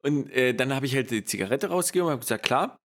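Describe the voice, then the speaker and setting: Young german guy, podcast chat, tells stories w/ voices, laughs a lot, normal pitch. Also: rapid-fire. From eastern Germany. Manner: animated storyteller who acts out voices and laughs often. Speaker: podcast co-host. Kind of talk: casual chat.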